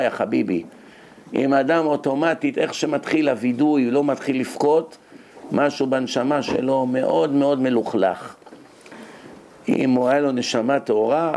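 A man giving a lively religious lecture as a rabbi, rhetorical and animated, his voice jumping up when he scolds. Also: fairly high pitch, a little hiss or hum. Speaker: rabbi giving a Torah lesson.

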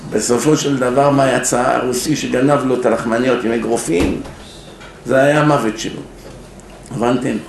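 A man's voice: mid-range voice, steady tone, creaky. A rabbi giving a sermon at a yeshiva, telling stories, acting out the people in them and putting questions to his listeners. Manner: storytelling with acted-out quotes, asks the audience questions. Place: yeshiva hall. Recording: echoey room with faint noise.

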